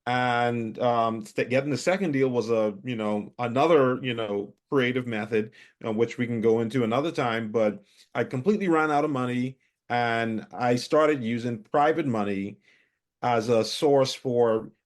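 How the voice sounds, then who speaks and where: A Bahamian man with a medium-pitched voice gives a casual testimonial as a coaching student over a video call, speaking at a moderate pace. He sounds hesitant, with lots of fillers and restarts.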